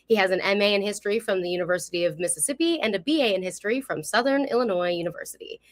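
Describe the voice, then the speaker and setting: On a live online stream, a woman presenting as a history program's host reads a scripted introduction, welcoming and upbeat. She speaks very fast in a mid-range voice.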